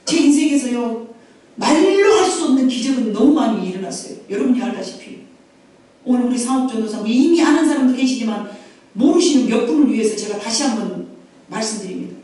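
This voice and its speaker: High, lively woman preaching in echoey church. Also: fairly quick. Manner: emphatic, repetitive preaching with calls for amen. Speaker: pastor. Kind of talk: sermon. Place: church sanctuary. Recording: very echoey church hall, voice from a distance.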